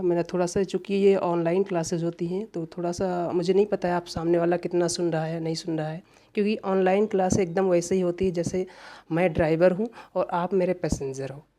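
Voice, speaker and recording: A male teacher giving an online grammar class lecture, often repeating reminders as his voice drops softly at the end of phrases. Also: high voice.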